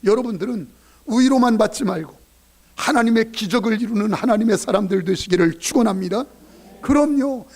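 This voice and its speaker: A man's voice: sits high, brisk, a little mellow. A male pastor preaching a sermon in a church, earnest and exhorting, speaking directly to his congregation. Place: church sanctuary.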